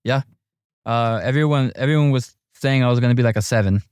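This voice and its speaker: A middle-aged man chatting casually as a guest, telling stories in a relaxed way with lots of fillers and restarts. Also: mid-range voice, brisk, clean tone, no echo, studio quality. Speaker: amateur golfer guest. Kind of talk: casual chat.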